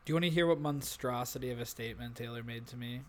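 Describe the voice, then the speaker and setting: A man co-hosting a casual podcast, stumbling through restarts and fillers as he talks. His pitch sits in an ordinary middle range for a man. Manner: halting, many restarts and fillers, swearing. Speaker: podcast co-host. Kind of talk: casual chat.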